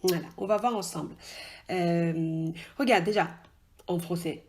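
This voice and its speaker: Explaining things at a whiteboard in a relaxed spoken lesson, a woman who teaches Korean talks in an informal, chatty way, addressing the learner directly with hesitations and plenty of "tu vois?". Her voice is lowish, unhurried and darkish.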